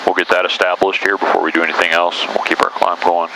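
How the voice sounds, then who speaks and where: A man's voice: low voice, flat delivery, quick pace, pushed and bright, slight background noise, rough recording. A man giving informal, step-by-step flight instruction over a cockpit headset intercom. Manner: explanatory, step-by-step. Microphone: aviation headset intercom.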